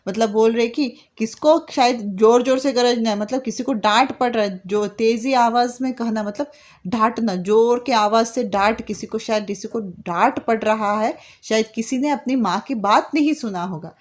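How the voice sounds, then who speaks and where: Patient woman teacher explaining to children. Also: on the high side. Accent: Indian. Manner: patient, explains in simple words and repeats often; reads poem lines slowly and sing-song. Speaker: school teacher. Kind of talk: classroom lesson explaining a poem to children.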